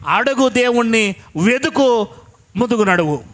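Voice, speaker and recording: A man's voice: very high-pitched, lively intonation, unhurried, a bit bright. A man preaching a sermon as a pastor, scolding his listeners and pressing them with repeated rhetorical questions. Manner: scolding, addresses listeners directly.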